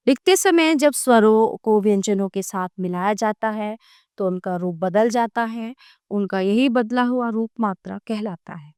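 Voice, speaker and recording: A woman teacher leads a grammar lesson for young children, sounding out letters one at a time. Her voice is smooth and clear, at a middle pitch, and the recording is close and dry with no room around it. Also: no echo. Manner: spells out sounds slowly one by one; addresses children warmly and directly.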